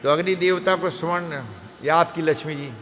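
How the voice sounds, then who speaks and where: A man in his seventies, a monk giving a scripture class, tells a devotional story in a lively way and acts out the characters' voices. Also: a little high, moderate pace. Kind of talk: storytelling sermon. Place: temple hall. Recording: reverberant hall with faint background noise.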